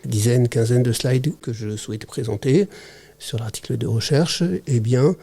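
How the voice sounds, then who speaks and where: Mellow, hesitant man. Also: mid-range voice, breathy edge. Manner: hesitant, halting, many fillers. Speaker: podcast guest, teacher-researcher. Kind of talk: casual conversational interview.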